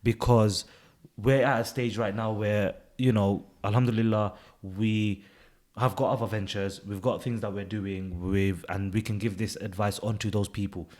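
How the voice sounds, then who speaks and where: A man's voice: on the low side, fairly even intonation, normal speed, darkish tone. A man, co-hosting a podcast and explaining his views earnestly. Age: 20s. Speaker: podcast co-host. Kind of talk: casual chat.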